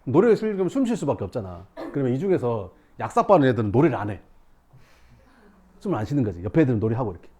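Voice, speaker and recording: With a breathy edge and rapid-fire delivery, a young man who teaches math spins a story for his students. His voice is lively, swooping, and mid-pitched, and he dramatizes the action with abrupt shouts and sound effects.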